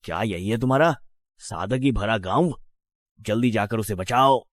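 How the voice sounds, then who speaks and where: Cast a middle-aged man as an authoritative official, low and measured. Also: dry recording, clean studio sound, close to an everyday voice. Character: visiting mayor, measured and authoritative. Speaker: dubbing actor. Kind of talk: Hindi drama dub.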